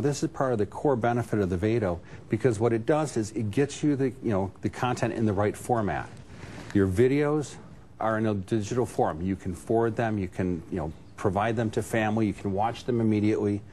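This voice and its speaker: A man's voice: medium pitch, a little mellow. A man presenting on a home shopping show, explaining a product step by step in loose, conversational talk peppered with "you know". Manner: explanatory, conversational, frequent 'you know'. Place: TV shopping studio. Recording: noticeable background noise.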